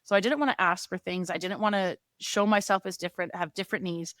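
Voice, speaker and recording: A woman's voice: on the low side, steady tone, fast, a bit bright, no echo. A woman in her thirties, a sports director as interview guest, talking earnestly and getting fired up, with frequent restarts. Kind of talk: casual conversational interview.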